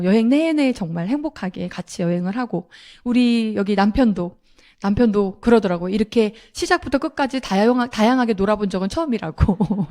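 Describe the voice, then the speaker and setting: Speaking at a sales seminar, a middle-aged woman tells an audience a personal story, animatedly acting out the quoted lines. Her voice is mid-range and a little mellow.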